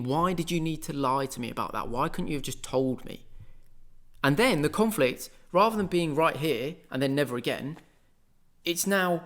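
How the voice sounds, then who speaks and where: A man's voice: on the high side, fairly bright tone. A man, hosting a casual spoken monologue in a rambling, conversational way full of asides. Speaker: podcast host.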